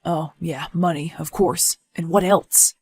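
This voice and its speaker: A woman playing a supportive, inquisitive male partner in a scripted story, low-key and dry. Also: steady tone, measured pace, darkish tone, slightly rough, soft background music. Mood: dryly inquisitive.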